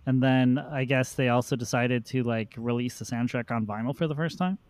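A man hosting a podcast, telling a relaxed anecdote in casual chat and laughing along. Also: mid-range voice, a little fast, no room sound. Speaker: podcast host.

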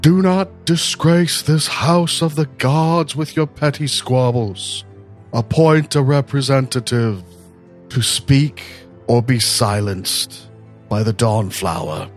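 A man voicing a commanding spellcasting woman whose booming voice is magically amplified, speaking slowly and sternly. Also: soft background music. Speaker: game master.

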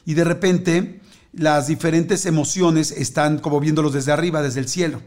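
Un hombre de unos cuarenta años con acento mexicano, de voz algo aguda, que conversa relajado y cuenta una anécdota. Da muchos rodeos y llena las pausas con muletillas. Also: male voice, fairly high pitch, fairly even intonation, darkish tone. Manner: rambling, heavy fillers, storytelling. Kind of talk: casual chat.

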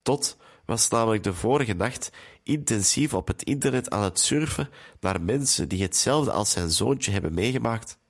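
A man calmly retelling a film's story as narrator. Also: fairly low pitch, moderate pace.

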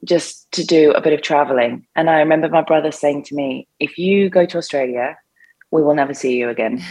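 A woman's voice: low voice, brisk, a little mellow, breathy edge, poor audio. A woman from the north of England, a yoga instructor talking candidly and chattily as a podcast guest. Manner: candid, chatty, self-deprecating. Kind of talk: casual interview chat.

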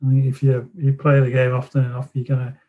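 A man's voice: medium pitch, monotone, fast. A man on a sports podcast making brief remarks, recorded on a dull, distant line. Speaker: podcast co-host. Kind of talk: casual sports podcast chat.

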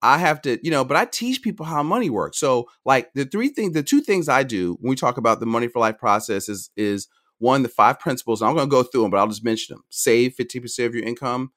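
A middle-aged man, a financial advisor guest on a podcast, talking quickly and energetically, often restarting his sentences. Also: mid-range voice. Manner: energetic, talks fast, jumps between points with restarts. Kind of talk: conversational podcast interview.

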